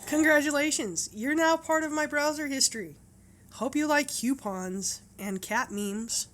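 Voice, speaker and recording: A woman's voice: high voice, unhurried, a bit bright, a little hiss or hum. A woman playing a sarcastic, exasperated bystander griping in a comedy parody.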